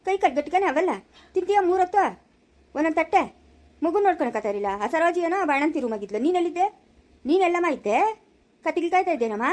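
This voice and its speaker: An angry village father shouts down his relatives in a rural Chikkaballapura accent, played by a woman. The voice sits high and the scolding comes fast. It is amateur family-drama acting. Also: expressive. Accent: rural Chikkaballapura Kannada. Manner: scolding, loud and indignant. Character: angry middle-aged village father defending his wife.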